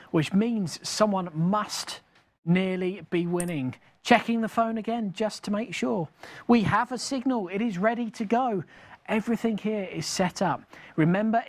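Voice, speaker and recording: A chatty bingo caller hosts a live game show with music playing behind. The mid-pitched voice mixes casual patter with number nicknames, repeating each call to draw out the suspense. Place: studio.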